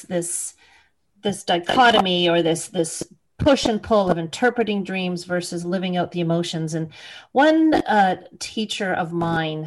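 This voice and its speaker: A woman's voice: lowish voice, low-quality recording. A woman hosting a radio talk show, asking her guest questions in thoughtful, searching phrases. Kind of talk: radio interview.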